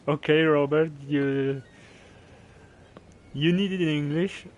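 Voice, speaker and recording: A native German man with a German accent, casually commenting on his game stream in a halting way. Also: fairly high pitch, fairly even intonation. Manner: halting, thinking aloud. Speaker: live streamer playing a golf game. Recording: noisy stream with game ambience behind.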